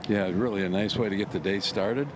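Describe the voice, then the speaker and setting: A man's voice: lowish voice, fairly quick. A man giving easygoing color commentary on golf, explaining course conditions. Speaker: golf analyst. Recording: broadcast with steady background noise.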